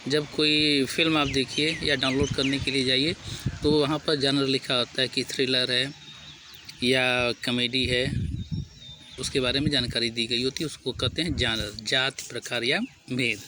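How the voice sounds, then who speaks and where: A man with an Indian accent teaching English pronunciation, repeating each word slowly, spelling it out letter by letter, and asking and answering his own questions. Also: mid-range voice, steady tone, noisy background. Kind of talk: spoken vocabulary lesson.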